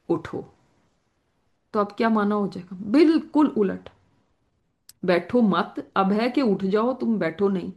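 A woman lectures as a Quran teacher, in a voice of ordinary middle pitch for a woman. She lays out her points patiently, works through examples and poses rhetorical questions to her listeners. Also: creaky, darkish tone. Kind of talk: religious lecture.

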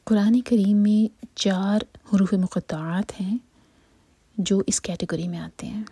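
A woman teaching Quran recitation in a steady whisper, explaining each step slowly and methodically and mixing English terms into her explanations. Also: mid-range voice, breathy edge, no echo. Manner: whispers throughout, slow and methodical. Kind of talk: whispered tutorial.

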